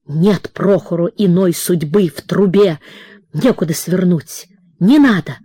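A woman narrating a novel as an audiobook in a measured, dramatic reading. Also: lowish voice, warm tone, breathy edge, no echo. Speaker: audiobook reader. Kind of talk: literary narration.

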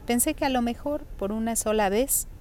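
A woman's voice: on the high side, moderate pace, darkish tone, pitched above the performer's own voice, close to an everyday voice. A woman voicing a little girl who puts on a sweet, innocent tone to get her way. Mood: wheedling. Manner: sweet and wheedling.

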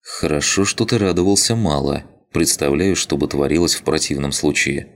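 A man's voice: very deep voice, moderate pace. A man voicing a tired young woman who sounds resigned and wryly sad. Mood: weary. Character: weary young woman awaiting her fate.

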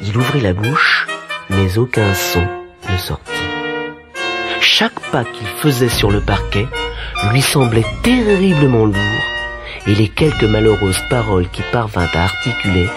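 A man narrating a children's fairy tale in a gentle, expressive storytelling voice. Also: on the low side, unhurried. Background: music bed.

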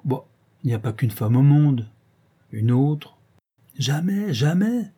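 A man reading aloud and voicing an earnest, lovesick young gentleman who speaks with passion. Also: medium pitch, very animated, slow, slightly rough, exaggerated voice. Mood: impassioned.

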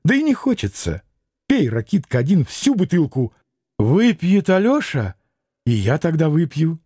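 A man's voice: fairly high pitch, huge pitch swings, measured pace, warm tone, breathy edge, dry recording, clean studio sound, exaggerated voice. A man voicing a passionate young woman from an audiobook. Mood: agitated. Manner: emotional, pleading.

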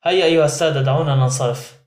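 A man's voice: on the high side, rapid-fire, darkish tone, reverberant, natural voice. A man voicing a blunt, impatient young man in an audiobook.

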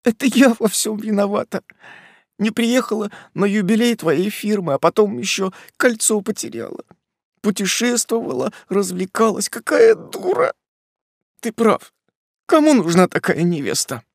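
Audiobook role: man doing a high, sobbing young woman begging her fiancé, voice breaking, dry booth sound. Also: animated, normal speed, pauses often, slightly rough, no room sound. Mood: pleading, tearful. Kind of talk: audiobook dialogue.

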